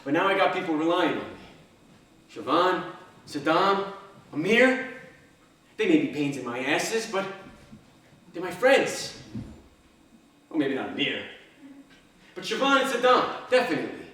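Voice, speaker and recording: A man performs a one-man stage monologue in a slightly high voice. He tells his story dramatically, with a dry, wry humour. The sound is heavily echoing and picked up some way from the microphone. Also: big pitch swings, unhurried, pauses often, a bit bright. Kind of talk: theatrical first-person monologue. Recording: very echoey stage, distant microphone.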